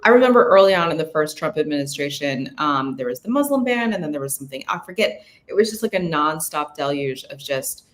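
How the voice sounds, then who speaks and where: Lower-voiced woman reminiscing. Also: expressive, a little fast, few pauses. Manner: reminiscing, conversational. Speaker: podcast co-host. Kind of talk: casual storytelling chat.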